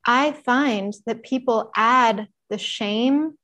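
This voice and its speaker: Animated, laughing woman with a high voice. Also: slow pace, lo-fi sound. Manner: animated, laughs often, shifts between bright emphasis and soft reflective tones. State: mild sniffles. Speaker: podcast guest. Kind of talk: casual conversational chat.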